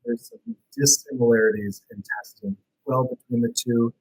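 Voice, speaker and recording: A man's voice: medium pitch, sing-song, moderate pace, a little mellow, slightly rough, no echo, poor audio. A man giving a remote talk on security testing, his video call audio breaking up and sounding underwater, with frequent "like" fillers and restarts. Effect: glitchy call audio breaking up, sounding underwater. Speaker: security red team presenter.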